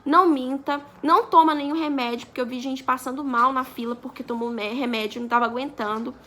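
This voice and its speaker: Pitched high, pushed and bright, this young woman keeps her tone steady while speaking a little fast. She's a Brazilian vlogger in her twenties, chatting through a story and voicing the quoted dialogue.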